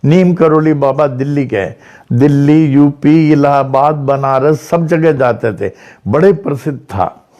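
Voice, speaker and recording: A man from Maharashtra telling devotional stories in a slow, repetitive way, like a spiritual teacher addressing followers. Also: fairly high pitch, dark tone, dull audio. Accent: Maharashtra, India. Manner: slow storytelling with repeated phrases. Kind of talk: devotional discourse.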